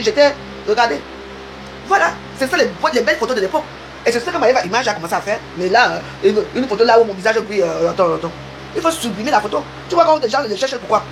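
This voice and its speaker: A social media live streamer in her fifties delivers a chatty, rambling, teasing rant at a brisk pace, addressing viewers directly and calling them out by name. Her voice sits at an ordinary middle pitch. The audio is noisy, with a steady hiss under her speech.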